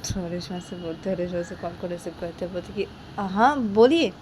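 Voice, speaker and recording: A woman's voice: on the low side, brisk, slight background noise. A woman narrating a romantic story in a casual, unscripted way with repeated linking phrases. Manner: repetitive linking phrases, relaxed retelling.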